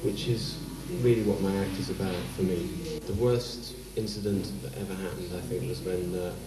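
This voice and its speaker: A man, a street performer interviewed for TV, talking calmly and hesitantly with many pauses. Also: low voice. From France, raised in England. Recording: roomy echo, distant mic.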